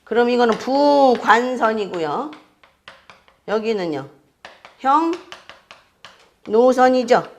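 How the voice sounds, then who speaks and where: A woman teaching an astrology class, explaining step by step, repeating key terms and often checking whether her students follow. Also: a little high. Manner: keeps checking students with quick questions. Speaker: fortune-telling astrology teacher. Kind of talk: classroom lecture.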